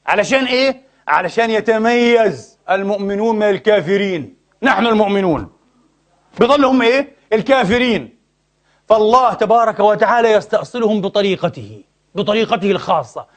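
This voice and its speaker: A man preaching with fierce, mocking conviction. He rattles off rhetorical questions at a rapid clip in a high voice, and his volume lurches from loud outbursts down to near-whispers. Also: expressive. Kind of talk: impassioned religious lecture.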